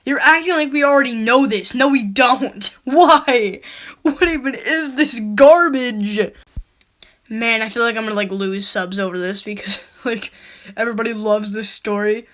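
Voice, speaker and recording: A young woman who reviews stories online, reading one aloud and breaking off with quick, incredulous questions. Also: on the high side, a bit bright. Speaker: online story critic. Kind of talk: casual reading and critique.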